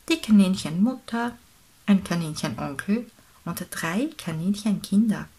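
Woman, storybook reader for children, slow, breathy, half whispered. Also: medium pitch. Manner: soft, slow, near-whispered reading. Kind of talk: reading a picture book aloud for children.

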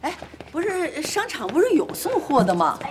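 A woman's voice: sits high, huge pitch swings, normal speed, very noisy. An actress playing a fussing, gossipy older mother at home. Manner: fussing, chatty.

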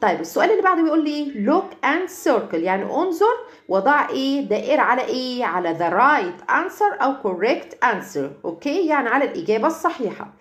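An Egyptian woman teaching English words to kindergarten children. She drills each word slowly and repeats it, and she keeps checking in with the class. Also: sits high, very animated. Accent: Egyptian Arabic. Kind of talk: recorded online lesson.

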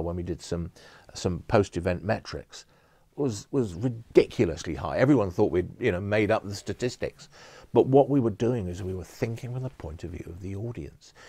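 In an interview studio lined with empty audience chairs, a middle-aged event producer rambles through enthusiastic anecdotes, restarting often. His voice is on the low side and animated, with a breathy edge, a moderate pace, and no echo.

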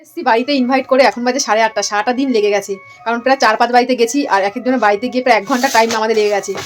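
A woman's voice: on the high side, steady tone, very fast, soft background music. A young woman, chatting casually to the camera as a vlogger and coaxing her little daughter. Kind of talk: casual vlog narration.

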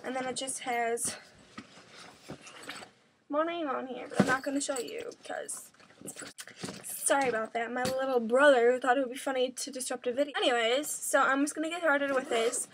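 A woman's voice: high voice, steady tone, moderate pace, noisy background. A teenage girl chatting casually in a home video, rambling with lots of fillers, a little out of breath. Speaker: vlogger. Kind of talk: casual vlog showing her dance bag.

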